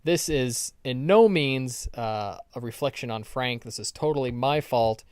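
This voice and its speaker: A man's voice: mid-range voice, measured pace, darkish tone, clear, resonant tone, no room sound, studio quality. A man co-hosting a podcast in casual chat, rambling through stories with ums and restarts. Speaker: podcast co-host.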